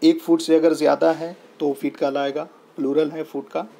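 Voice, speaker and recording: Husky-voiced Indian man teaching a lesson. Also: on the high side, little pitch movement, moderate pace, mellow. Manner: patient, repetitive, spells words out letter by letter. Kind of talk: explaining lesson in Hindi-English mix.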